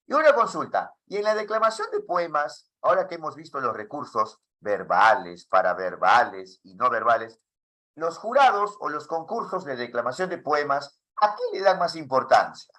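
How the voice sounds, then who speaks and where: Man, teacher trainer, animated pitch, quizzing his class, online lesson. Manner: lively, asks many questions.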